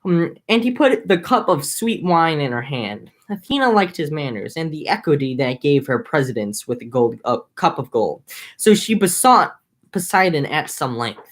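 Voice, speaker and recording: A woman's voice: sits low, big pitch swings, moderate pace. Chatty woman reading aloud, irreverent. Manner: irreverent, chatty, self-mocking asides. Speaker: reader. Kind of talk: casual reading aloud with asides.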